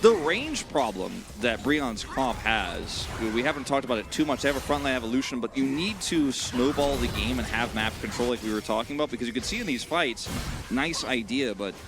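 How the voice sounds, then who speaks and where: A man's voice: medium pitch, lively intonation, a little fast, noisy background. A man giving analytical color commentary on an esports match, drifting into playful banter with his co-caster. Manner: analytical, breaks into playful chat. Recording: music bed under commentary.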